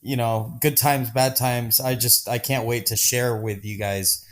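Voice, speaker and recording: A man's voice: mid-range voice, steady tone, unhurried. A man from Denver, a podcast guest, talking casually and enthusiastically with many restarts. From Denver, Colorado. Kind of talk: casual conversation.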